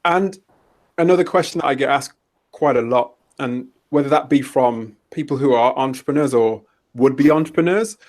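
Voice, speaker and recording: A man hosting a podcast who asks long, halting questions and restarts his sentences midway. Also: medium pitch, a little mellow. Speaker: podcast host. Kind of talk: casual interview questions.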